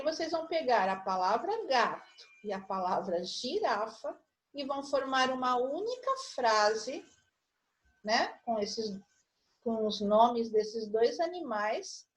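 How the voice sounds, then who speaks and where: Slow patient Brazilian woman teacher. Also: sits high, sing-song. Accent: Brazilian Portuguese. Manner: slow, patient, spelling out syllables and clues step by step. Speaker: primary school teacher. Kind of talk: online lesson for children.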